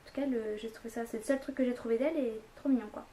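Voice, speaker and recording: A woman's voice: on the high side, fairly even intonation, very fast, warm tone, a little hiss or hum. A young woman talking casually at home, rambling through a haul video with lots of fillers. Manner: chatty, rambling, many fillers. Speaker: vlogger.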